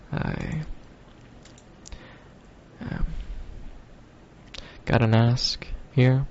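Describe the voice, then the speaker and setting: Gravelly, rambling podcast guy. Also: medium pitch, drawn-out words, pauses often, darkish tone, lo-fi sound, a little hiss or hum. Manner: loose, rambling, profane, with many fillers. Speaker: podcast host. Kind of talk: casual stoner podcast monologue.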